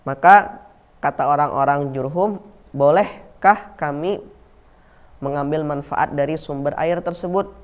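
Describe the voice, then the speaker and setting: Teaching Islamic history with an Indonesian accent, a man whose voice is on the high side keeps repeating key words and answering questions he asks himself. Fillers like "nah" come up often. The recording is dull and lo-fi.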